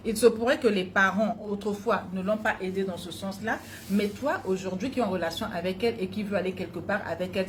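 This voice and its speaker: A woman's voice: medium pitch, slight background noise. A woman coach giving a motivational talk, telling her own childhood story and speaking directly to her listeners. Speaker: personal development coach.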